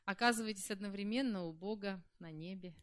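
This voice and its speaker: A woman's voice: mid-range voice, a little fast. A woman working as a church interpreter, rendering a sermon phrase by phrase right after the preacher. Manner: follows the preacher phrase by phrase, sometimes trailing off.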